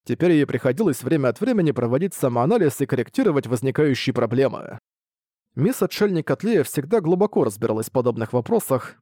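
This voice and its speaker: Man narrating an audiobook, dark and dry. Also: mid-range voice, dry recording.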